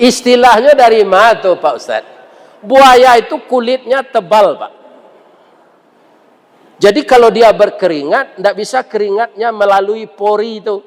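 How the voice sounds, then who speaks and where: Male preacher, high voice, slow jokey delivery, long mosque-hall echo. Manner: jokey, teasing the audience with questions. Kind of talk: humorous sermon with storytelling.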